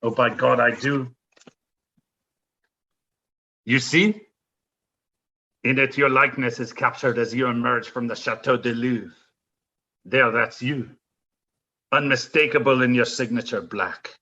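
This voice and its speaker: For an audio play, a villainous French nobleman taunts theatrically in a raspy, sharp-edged mid-range voice with fairly even intonation. He savors his mockery with drawn-out, florid, grandly theatrical phrasing, and the recording is slightly dull.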